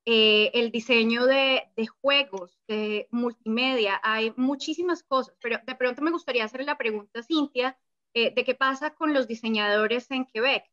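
A woman's voice: fairly high pitch, normal speed, a bit bright, muffled recording. A woman guest explaining study programs, listing options steadily with small fillers. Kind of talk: casual chat.

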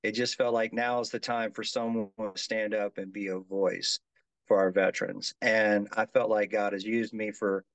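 A man's voice: on the low side, flat delivery, normal speed, no echo, rough recording. A man in his fifties who grew up around the Gulf Coast, talking earnestly as a musician guest in an interview, restarting sentences often. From Gulf Coast of the United States. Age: 50s. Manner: earnest, restarts often, says "yes, sir". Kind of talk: casual interview chat.

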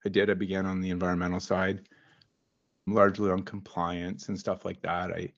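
A man, a consultant guest, telling his career story in a relaxed, wry manner. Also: low-pitched, normal speed, highs cut off. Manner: relaxed and wry, with frequent fillers. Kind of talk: casual interview storytelling.

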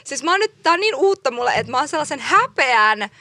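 A woman's voice: high voice, sing-song, sharp tone, no room sound, clean studio sound. A woman in her late twenties co-hosting a podcast, chatting casually with a self-conscious tone. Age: 20s. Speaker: podcast co-host. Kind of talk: casual chat.

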